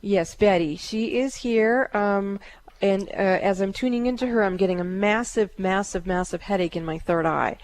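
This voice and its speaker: A middle-aged woman hosting a call-in radio show as a psychic medium, talking calmly and soothingly with many fillers. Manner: calm, soothing, with frequent fillers; chants in a high drawn-out voice.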